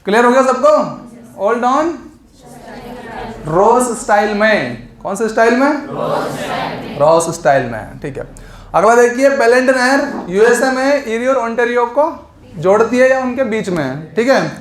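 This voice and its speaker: A man's voice: very high voice, expressive, moderate pace. A man teaching an exam coaching lesson, explaining memory tricks and asking the class questions that he answers himself. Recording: echoey room.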